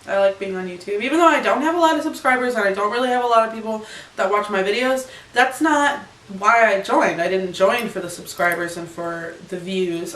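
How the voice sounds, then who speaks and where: Young woman vlogger, giggly and rambling, mid-pitched, recorded roomy and off-mic. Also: fairly bright tone. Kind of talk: casual chat. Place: bedroom. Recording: echoey room, camera far off.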